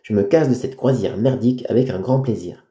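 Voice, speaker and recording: A man's voice: on the low side, fairly quick, warm tone, close to an everyday voice. A man voicing a haughty, spiteful woman travel writer who talks down to others. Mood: indignant. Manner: indignant, arrogant. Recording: roomy echo.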